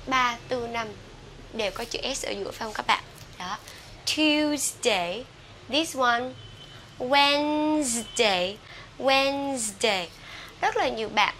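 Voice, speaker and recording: Vietnamese woman teacher, clear bright tone, stretches out example words slowly. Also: a little high, slight background noise. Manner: slow, drawn-out model words between quick explanations. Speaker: English teacher. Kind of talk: pronunciation lesson.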